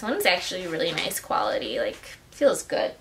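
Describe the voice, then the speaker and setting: A woman's voice: lowish voice, huge pitch swings, moderate pace, fairly bright tone, slight background noise. A woman talking casually in a try-on haul vlog, chatty and gushing, with plenty of "like" and "oh my gosh.". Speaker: vlogger.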